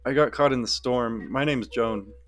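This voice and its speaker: A man's voice: mid-range voice, moderate pace, a bit bright, faint music behind, lightly acted. A man doing a reserved, straight-laced young man. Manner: reserved, flustered.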